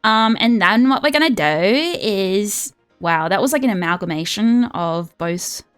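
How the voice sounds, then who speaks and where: A young woman streaming a card game, chatting casually and excitably, swearing freely and sliding into a valley girl voice. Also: mid-range voice, measured pace, smooth. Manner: excitable and profane, drifts into a put-on valley girl voice. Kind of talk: casual live-stream gaming chat. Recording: faint music behind.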